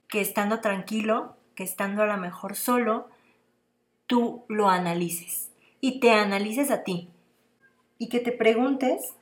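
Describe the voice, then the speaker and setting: Woman, podcast host; earnest, direct-address parenting advice with repeated phrasing. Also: mid-range voice. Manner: earnest, speaks straight to the listener, repeats phrases for emphasis. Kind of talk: casual advice monologue.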